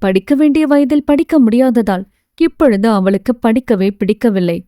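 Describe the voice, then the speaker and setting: A woman narrating a romance audio novel in a steady, expressive storytelling manner. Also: fairly high pitch, normal speed, no echo, studio quality.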